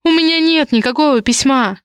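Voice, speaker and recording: A woman voicing a flustered young heroine, high and breathless. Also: a little fast, dry recording, studio quality, close to an everyday voice. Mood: bewildered. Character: young woman, shy but fiery heroine.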